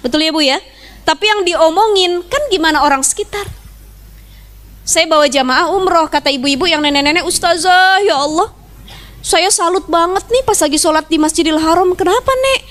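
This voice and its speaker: A woman's voice: very high-pitched, brisk, fairly bright tone. A young woman preaching a chatty, joking sermon to a women's gathering, laughing often and acting out the people she quotes. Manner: acts out quoted voices. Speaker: Islamic preacher.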